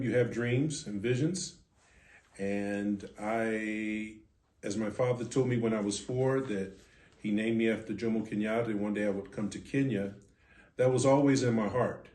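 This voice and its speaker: A low, dark-toned American voice belongs to a Philadelphia man in his fifties, the board president of a ministry, guesting on a podcast. He answers interview questions with personal stories, measured and reflective, pausing on purpose, while the room around him echoes and reverberates.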